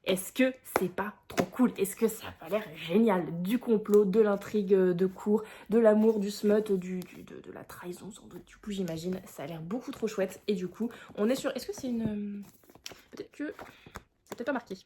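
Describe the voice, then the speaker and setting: A young woman chatting casually in a reading vlog, expressive and full of fillers, with bursts of excitement. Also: mid-range voice, moderate pace, slight background noise. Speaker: book vlogger.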